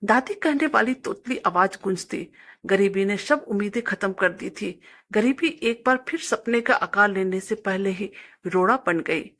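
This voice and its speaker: A woman's voice: mid-range voice, a little slow, a bit bright. A woman storyteller steadily reading out a family story.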